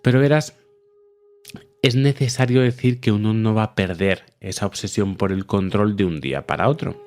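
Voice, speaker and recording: A man's voice: lowish voice, normal speed, a little mellow. A man hosting a psychology podcast, explaining in a conversational way and often checking in with the listener. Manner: conversational, frequent tag questions. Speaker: podcast host.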